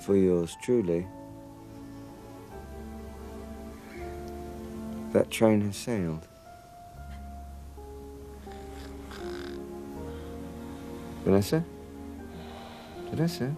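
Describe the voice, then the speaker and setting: A man's voice: lowish voice, very animated, slow, pauses often. A man playing a goofy, flirtatious swinging-sixties British spy with an English accent, joking playfully. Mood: tender. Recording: film soundtrack with clear music behind.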